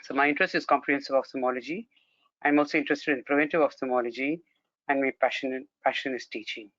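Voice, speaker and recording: This consultant ophthalmologist from Brunei gives a formal, courteous academic presentation in a mid-range, slightly bright voice, talking fast with fairly even intonation. It's captured in a video call screen recording, so the audio is dry, dull and lo-fi.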